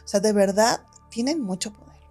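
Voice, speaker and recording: A woman, a podcast guest, telling a story in a lively way and acting out the quotes. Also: normal speed, soft background music. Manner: animated, acts out quotes, shifts pitch when telling the story. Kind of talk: casual storytelling.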